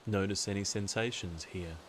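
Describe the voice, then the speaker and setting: In a low, unhurried register, this male meditation guide speaks calmly and deliberately, letting long pauses stretch out. There's a faint hiss on the recording.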